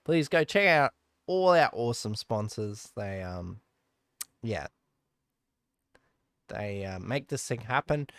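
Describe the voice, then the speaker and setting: A man's voice: on the low side, lively intonation, slow pace, long pauses, a bit bright. A man giving casual, rambling live commentary on a sim race, often correcting himself.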